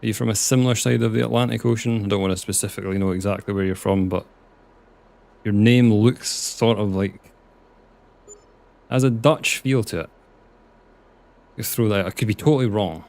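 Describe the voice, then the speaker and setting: On the low side and darkish, his creaky voice moves at normal speed with long pauses. A young Scottish man streams a farming game in casual live chat, reading viewers' messages aloud and muttering at the game.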